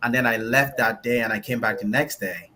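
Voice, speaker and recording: A Nigerian man with a light Nigerian accent, an engineer and founder sitting on a panel, tells a personal story in a loose, rambling way, full of "like" and ending lines with "right?". His medium-pitched voice is fairly even and a little fast, with crowd noise in the background.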